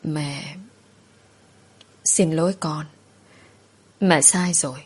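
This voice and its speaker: A woman voicing a paralyzed elderly mother-in-law who apologizes in broken, halting words through tears. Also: low voice, steady tone, heavily acted. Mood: tearful remorse. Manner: broken, halting, sobbing speech. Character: remorseful old paralyzed mother-in-law, tearful.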